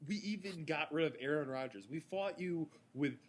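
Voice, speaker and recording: A man's voice: on the high side, normal speed. A young man co-hosting a podcast in casual chat, teasing and playful as he talks sports. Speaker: podcast co-host.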